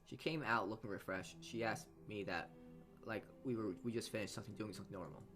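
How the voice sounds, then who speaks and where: A let's play host reads a visual novel aloud, adding side comments, stumbling over words and rereading phrases as he goes. His voice is on the low side and a bit bright, he talks fast, and game music plays behind him.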